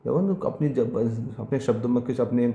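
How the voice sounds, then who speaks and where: A man teaching an English grammar lesson for exam preparation, dictating example sentences slowly and repeating them word by word. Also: medium pitch, creaky, dark tone, echoey room, highs cut off.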